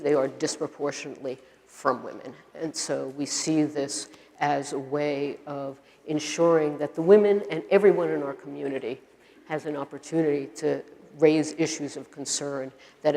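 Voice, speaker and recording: A woman professor with a Brooklyn accent gives a measured, emphatic public speech to an audience. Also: deep voice, dark tone. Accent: Brooklyn, New York. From Brooklyn, United States. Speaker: professor giving a lecture. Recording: echoey hall with long reverb.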